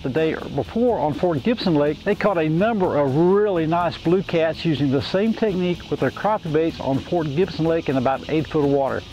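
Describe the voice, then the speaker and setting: An older man from Oklahoma giving a steady, folksy fishing report to camera by a lake. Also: on the high side, moderate pace, few pauses, muffled recording, soft background music. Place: outdoors by a lake shore.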